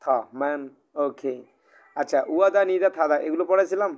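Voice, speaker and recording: A man's voice: on the high side, moderate pace, highs cut off. A man with a Bangladeshi Bengali accent teaching Chinese in a live online class, patient, repeating and rephrasing himself with many "ah" fillers. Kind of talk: live online language class, oral exam.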